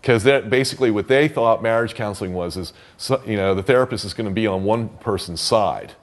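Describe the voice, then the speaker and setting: A therapy trainer with a brisk, lowish male voice teaches therapy techniques in a loose, conversational way. His casual teaching talk is full of fillers and restarts.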